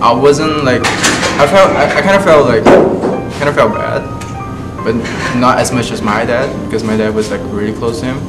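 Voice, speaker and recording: A man's voice: medium pitch, moderate pace. A twenty-year-old man telling a personal story, rambling and searching for words. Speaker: interviewee, musician. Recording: echoey room, loud music behind.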